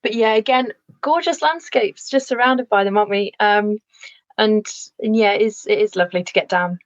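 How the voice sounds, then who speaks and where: A woman from Lancashire chats as a podcast guest, easygoing and quick to laugh, full of fillers. Her voice comes through dull and lo-fi. The sound is dry with no room echo. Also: mid-range voice. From Lancashire, England. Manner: chatty, laughs often, fillers. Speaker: podcast guest, landscape architect. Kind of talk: casual interview chat.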